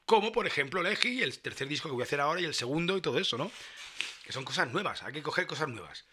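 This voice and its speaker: A man's voice: a little high, big pitch swings, fast, sharp tone, a little hiss or hum. A man hosting a casual solo podcast, rambling, stumbling over words and swearing freely. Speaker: podcast host.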